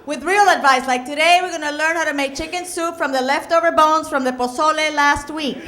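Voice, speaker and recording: A woman's voice: high-pitched, a little fast, background noise. A middle-aged woman from Puerto Rico with a Puerto Rican accent performing a stand-up comedy set, with punchy delivery and Spanish asides. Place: comedy club stage.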